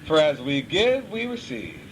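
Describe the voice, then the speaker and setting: A man teaching a couples class from the Bible, speaking to a live group in a lively, chuckling way and acting out everyday voices. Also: fairly high pitch, unhurried, a little hiss or hum, rough recording.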